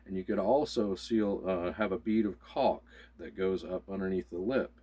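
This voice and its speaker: A man's voice: low-pitched, normal speed, dark tone, slightly rough. A man co-hosting a casual prepping video, explaining supplies in an easygoing, step-by-step way. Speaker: co-host of a prepping channel. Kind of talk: casual demonstration chat.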